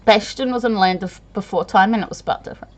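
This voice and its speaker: A woman's voice: medium pitch, quick pace. A tired woman chatting to camera in a rambling, self-deprecating way, laughing often. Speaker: vlogger. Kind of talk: casual chat to camera.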